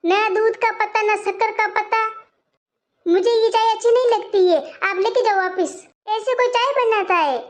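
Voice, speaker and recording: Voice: very high-pitched, moderate pace. A performer playing a nagging grown daughter who scolds and complains in a comic family skit. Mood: scolding. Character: nagging grown daughter, sharp-tongued and bossy.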